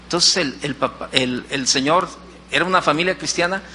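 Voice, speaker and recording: Male preacher with a high voice, church sermon, repeats his points. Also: normal speed, sharp tone, a little hiss or hum. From Mexico. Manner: repeats key phrases, acts out the people in his stories. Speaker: pastor. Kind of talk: sermon with storytelling.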